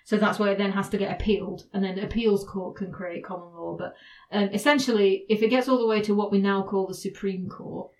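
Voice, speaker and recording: A woman's voice: medium pitch, fairly even intonation, brisk, a little mellow, rough recording. Chatty woman explaining law. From United Kingdom. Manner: chatty, laughs often, many ums and restarts. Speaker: podcast host explaining law. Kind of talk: casual explanatory chat.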